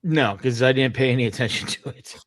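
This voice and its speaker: A podcast co-host chats casually and conversationally, his medium-pitched voice moving a little fast. The recording is dry, with no room sound.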